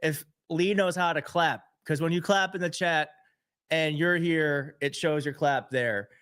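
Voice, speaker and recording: A man's voice: on the high side, measured pace, fairly bright tone, clear, resonant tone. Earnest, emotional young male streamer. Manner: emotional, earnest, self-deprecating. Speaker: show host. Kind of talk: live-stream commentary.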